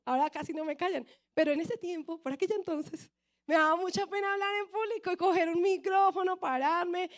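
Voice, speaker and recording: A young woman with a Colombian Bogotá accent preaching a sermon and telling her own testimony, often asking the audience questions. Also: high voice. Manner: lively storyteller, asks the audience questions. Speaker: youth preacher.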